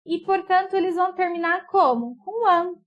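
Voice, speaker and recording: A woman's voice: very high-pitched, normal speed, muffled recording. A woman schoolteacher explaining a lesson patiently, drawing words out and checking in with her pupils often. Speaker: school teacher. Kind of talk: remote class explanation.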